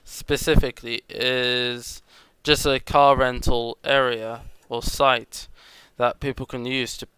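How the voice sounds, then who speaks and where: Guy streaming a bus game, bright crisp voice, teases a lot. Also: medium pitch, flat delivery, slow, few pauses, no echo. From Netherlands. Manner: teasing, explains things patiently. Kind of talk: casual chat while gaming.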